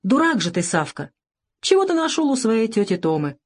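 A woman's voice: fairly high pitch, big pitch swings, normal speed, husky, voice pushed up. A woman voicing a mocking teenage boy who bullies the younger orphans, speaking with a sneer.

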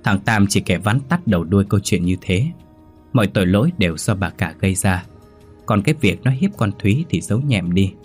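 A man narrating a ghost story in a steady, measured reading voice. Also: lowish voice, husky, faint music behind.

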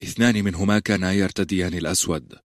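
A calm old healer, played by a male audiobook narrator with measured, careful speech. The reader lifts his low voice slightly for him. The recording is dry and close. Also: no room sound, lightly acted.

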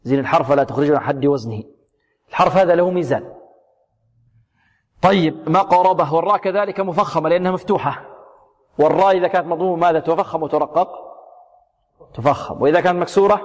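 Man teaching Quran recitation in a hall. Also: a little high. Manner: drills single sounds, repeats words slowly, asks and answers his own questions. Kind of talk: tajweed lesson on pronunciation. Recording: long hall reverb.

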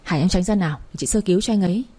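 A woman voicing a calm, capable older sister in a storybook reading. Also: on the low side, racing, slightly rough. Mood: brisk.

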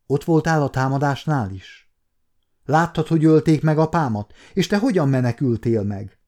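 A man voicing a young male nobleman who fires off excited questions. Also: fairly high pitch, lightly acted. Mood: surprised. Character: young nobleman, surprised and eager.

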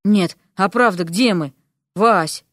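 A woman's voice: mid-range voice, slow, fairly bright tone, no echo, studio quality. A woman voicing a weary young prince. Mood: pleading. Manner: pleading, rambling. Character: young man, a reluctant prince, weary and evasive.

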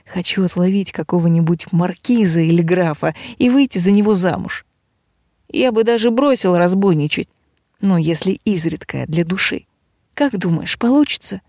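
A woman reading an audiobook, voicing an impulsive, loud young female robber chief with a high, excitable, scolding voice. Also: moderate pace, no echo, clean studio sound. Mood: chatty.

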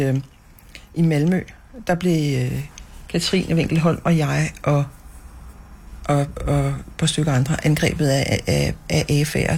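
A political activist answering interview questions haltingly, with many restarts. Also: medium pitch, breathy edge.

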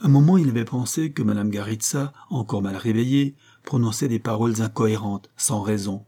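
A man reading a novel aloud as an audiobook narrator, in a steady, measured way. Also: lowish voice.

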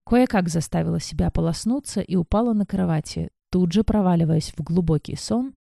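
A woman narrating a fantasy audiobook in the first person, in a measured, wry storytelling manner. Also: lowish voice, vocal fry, mellow, dry recording, studio quality.

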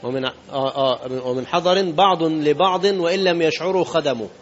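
Man, Egyptian accent, sermon, rapid delivery, slightly high voice, muffled lo-fi recording. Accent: Egyptian Arabic. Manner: conversational preaching, rhetorical questions. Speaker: sheikh.

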